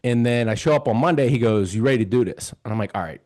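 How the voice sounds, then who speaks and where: A man's voice: mid-range voice, fast, a little mellow. A man in his fifties hosting a show, casually and earnestly telling a personal story and retelling dialogue as he goes. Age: 50s. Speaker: host.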